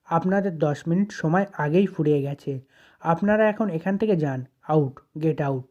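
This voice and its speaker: A man's voice: fairly high pitch, normal speed, dark tone, lo-fi sound, natural voice. A narrator reading the lines of a scheming young male doctor in their own plain voice. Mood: curt.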